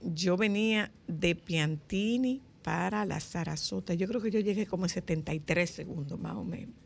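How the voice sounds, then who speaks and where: A woman with a Dominican accent, hosting a casual chat and telling lively stories, acting out the dialogue. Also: lowish voice, normal speed, vocal fry. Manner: lively storyteller, acts out dialogue.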